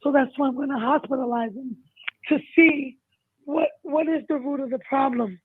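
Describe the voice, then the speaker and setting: A middle-aged woman with a hoarse, failing voice, a caller giving an emotional personal account in distress. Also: high voice, normal speed, dry recording. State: losing her voice, distressed. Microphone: phone call. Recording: tinny, narrow phone-line sound.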